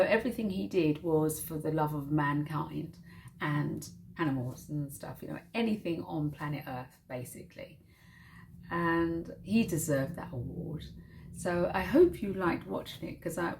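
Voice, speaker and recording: A woman hosting her own vlog channel, chatting casually and gushing with soft, drawn-out emphasis. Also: deep voice, gravelly, slight background noise. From United Kingdom. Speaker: channel host.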